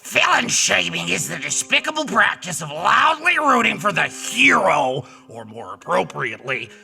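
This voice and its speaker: A gravelly werewolf stage manager. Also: male voice, sits high, moderate pace, faint music behind, full character voice. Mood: deadpan. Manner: deadpan, formal, lecturing. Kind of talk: comedy horror-host sketch.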